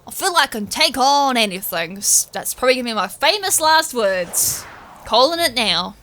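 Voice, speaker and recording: Bright, excitable Australian woman gamer. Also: fairly high pitch, normal speed, slight background noise. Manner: excitable, chatty, self-mocking. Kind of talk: let's play commentary.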